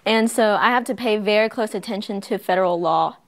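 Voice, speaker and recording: A woman's voice: medium pitch, fairly quick. Young woman from guatemala on a panel, talking personal and heartfelt. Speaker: student panelist. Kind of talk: panel discussion.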